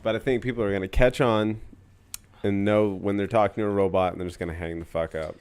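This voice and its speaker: A man's voice: fairly low pitch, steady tone, fast talker, darkish tone, clean tone. A man co-hosting a casual podcast chat, blunt and crude with lots of swearing. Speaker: podcast co-host.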